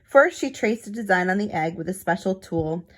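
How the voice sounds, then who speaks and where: A woman reads a children's picture book aloud, adding casual asides to explain things to young listeners. Her medium-pitched voice is animated and moves at a normal speed.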